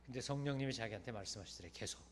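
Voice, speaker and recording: A man preaches a Sunday sermon as a storytelling pastor. His talk is casual and colloquial yet emphatic, with sudden loud stresses that fall away into quiet phrase endings. His voice sits at an ordinary, mid-range male pitch. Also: rapid-fire, a little hiss or hum. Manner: colloquial, emphatic, swinging between loud stresses and soft trailing ends.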